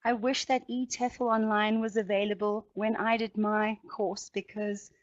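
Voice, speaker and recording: A woman's voice: mid-range voice, little pitch movement, moderate pace, no echo. A woman, speaking as a webinar guest while her internet call audio breaks up and drops out. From South Africa. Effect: internet call audio breaking up and dropping out. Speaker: guest speaker, online English teacher. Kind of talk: webinar presentation. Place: Johannesburg home setup. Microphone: video call. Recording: dull, lo-fi online call audio.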